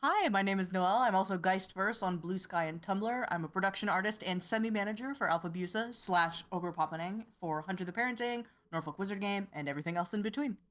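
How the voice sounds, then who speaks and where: Relaxed woman joining a game stream. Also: mid-range voice, brisk, few pauses. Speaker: guest co-player. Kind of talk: casual gameplay chat.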